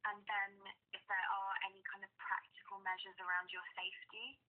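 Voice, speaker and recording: A woman support worker on a phone call, explaining things gently and carefully, heard over a phone line. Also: medium pitch, flat delivery, fairly quick.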